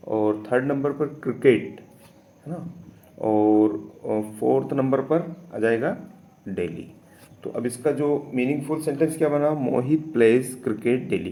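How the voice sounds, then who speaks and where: A man teaching, slowly and patiently explaining English test answers step by step, with frequent fillers. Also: mid-range voice, warm tone.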